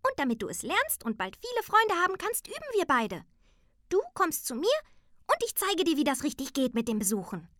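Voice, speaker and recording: A woman voicing a tiny, giddy storybook creature that talks too loudly and giggles. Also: brisk, no room sound, studio quality, heavily acted. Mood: eager chatter. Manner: shrill, excited, giggling. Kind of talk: storybook character voice.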